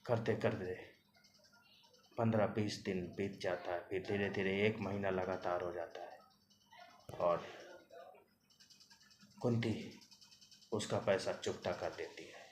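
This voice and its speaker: A man narrates a crime story in an easygoing, chatty way, often tagging speech with a simple "he said". His voice sits low, the room gives it a clear echo, and a faint hiss stays in the background. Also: fairly even intonation, slow pace, pauses often. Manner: plain conversational storytelling, repeats "bola".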